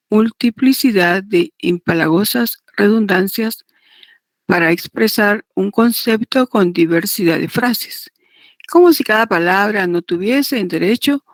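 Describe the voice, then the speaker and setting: A law lecturer teaches notarial law in a slow, creaky, medium-pitched voice, partly reading her didactic lecture aloud. She is deliberate and repetitive, checking understanding with tag questions. There is no room sound.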